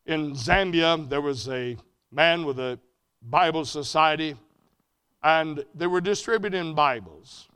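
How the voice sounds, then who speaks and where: A male preacher delivers a sermon in a bright, forceful voice pitched a little high. He climbs to loud, emphatic peaks, then sinks back to a low, quiet delivery. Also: measured pace, clean tone. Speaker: preacher at a mission conference.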